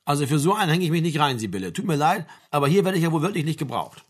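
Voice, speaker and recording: A man reading an audiobook, voicing an irritated young activist who is quick to take offense. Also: on the high side, expressive, husky. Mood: annoyed. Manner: indignant, dismissive.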